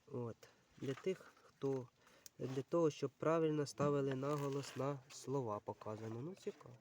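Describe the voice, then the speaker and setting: A man's voice: mid-range voice, moderate pace, darkish tone, a little hiss or hum. A man casually going through a pile of books, talking unhurriedly and thinking aloud with many fillers, addressing his viewers as friends. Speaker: book channel vlogger. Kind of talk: casual browsing commentary.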